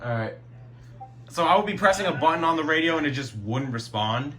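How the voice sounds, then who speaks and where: At home at night, a man rambles through a casual vlog showing off his radio collection, restarting sentences and swearing now and then as his throat gets sore. His voice is a little high and a bit bright, with lively intonation and a fairly quick pace.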